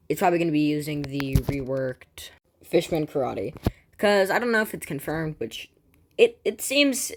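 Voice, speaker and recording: A woman hosting a gaming channel, reading game news aloud and breaking off into rambling, excitable asides full of restarts and filler words. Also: deep voice, a little hiss or hum. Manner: excitable, jumps between reading and personal asides.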